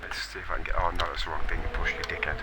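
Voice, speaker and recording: A man's voice: deep voice, flat delivery, very fast. A man doing casual live-stream commentary on an online racing league, swearing a lot, laughing often and rambling. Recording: music playing behind the voice.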